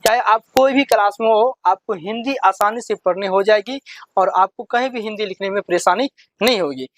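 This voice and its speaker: A man with a high-pitched, fairly bright voice teaches children to read, drilling letters by asking questions and answering them himself. He speaks slowly and repetitively, as one does with kids, and the recording has no echo.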